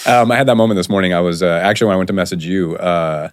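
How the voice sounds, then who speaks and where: A man's voice: low voice, rapid-fire, dry recording, studio quality. A man hosting a podcast in casual conversation, chatty and rambling with lots of fillers and restarts. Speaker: podcast host.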